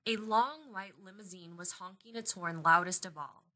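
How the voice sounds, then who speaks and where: Woman reading a children's picture book aloud, bright, expressive storyteller. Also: medium pitch, normal speed. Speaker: storybook reader.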